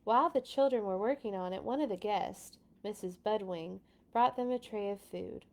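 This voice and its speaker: A woman hosts a children's read-along, giving an expressive storybook reading with dramatic stress on key words and casual, chatty asides. Her voice is medium in pitch with a darkish tone, and she keeps a moderate pace.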